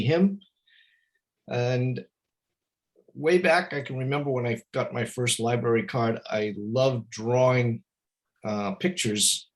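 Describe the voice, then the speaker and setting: A man with a mid-range voice introduces himself in an online meeting. His style is casual and conversational. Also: medium pitch.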